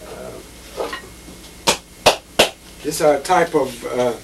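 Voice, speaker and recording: Gravelly and medium-pitched, this Egyptian man's voice swings hugely in pitch and draws out his words. A musician and lecturer, he patiently explains instruments while handling them indoors among many instruments, then, in a bookshelf-lined office, answers interview questions about his life, all captured on distant, hissy old videotape.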